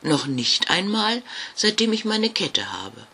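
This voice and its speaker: A man voicing a friendly, eager little ghost girl in a children's story, with a raised, bright voice. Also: mid-range voice, very animated, takes it slowly, gravelly, breathy edge, full character voice. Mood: earnest.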